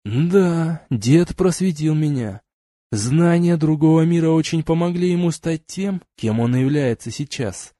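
A man's voice: a little high, expressive, measured pace, mellow, no room sound, studio quality, voice pushed up. A man reading an audiobook, voicing a sympathetic young male friend in a concerned, reassuring manner.

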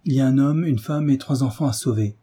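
A man doing a firm, steady mentor. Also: mid-range voice, fast, breathy edge, pitched above the performer's own voice, close to an everyday voice. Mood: urgent. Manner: firm, urgent commands.

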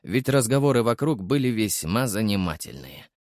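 Lively male audiobook narrator. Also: fairly low pitch, normal speed, no echo, studio quality. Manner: lively storytelling.

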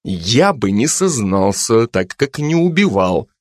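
A man voicing a calm, hesitant male police officer who speaks in a restrained way, in an audiobook. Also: mid-range voice, slow pace, no room sound, studio quality. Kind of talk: audiobook character voice.

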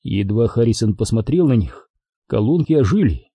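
A man's voice: medium pitch, big pitch swings, moderate pace, warm tone, husky, dry recording. A man narrating a crime audiobook expressively, giving every character his own voice.

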